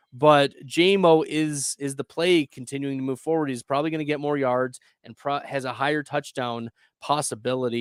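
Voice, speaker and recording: A man hosting a casual fantasy football advice chat, upbeat and quick to laugh. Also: medium pitch, no room sound, clean studio sound. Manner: chatty, upbeat, laughs easily. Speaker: fantasy football show host.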